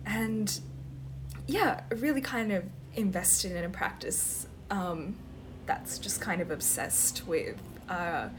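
A woman poet speaks slowly with a medium pitch and lively intonation, reflecting casually on her practice in academic vocabulary. Ambient background noise comes through clearly.

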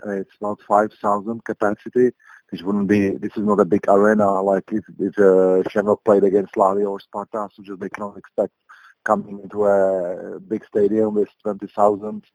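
Czech accented guy explaining football, lowish flat voice, hesitant, searching for words. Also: no room sound, rough recording. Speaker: football correspondent being interviewed. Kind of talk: explanatory interview answer.

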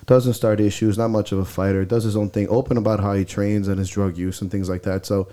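A podcast co-host speaks with a fairly low, warm voice, a flat delivery, and a fairly quick pace. In casual chat he is blunt and swears freely, his stuffy nose audible on the close mic.

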